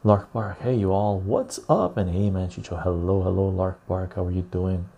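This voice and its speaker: A man hosting a casual live stream into a clip-on lapel mic, chatting to viewers in a chill, husky, gravelly voice. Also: sits low, dark tone, muffled recording. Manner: chill, unhurried talk addressed to viewers. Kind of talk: casual livestream chat.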